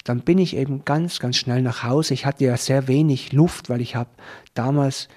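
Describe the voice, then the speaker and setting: A man earnestly recounting a personal experience, slowing down as he reflects at tense moments. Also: mid-range voice, a little mellow. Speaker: person telling his own life story. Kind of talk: personal testimony.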